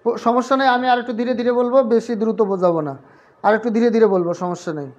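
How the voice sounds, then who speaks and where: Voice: medium pitch, fairly even intonation, fast talker, a little mellow. Patient repetitive grammar teacher, lo-fi. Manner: patient, repeats each point and quizzes the class. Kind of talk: live online class lecture.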